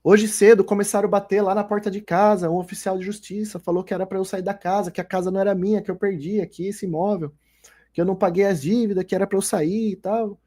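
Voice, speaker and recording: A Brazilian man voicing a distressed older woman who pleads urgently for help, with a husky tone. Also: high voice, steady tone, fast talker, dark tone. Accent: Brazilian Portuguese.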